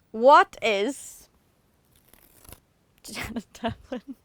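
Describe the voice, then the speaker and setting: With a fairly high, somewhat bright voice and drawn-out words, a young Northern Irish woman talks to camera with no echo. The singer answers autocomplete questions about herself casually, poking fun at herself in her Irish accent.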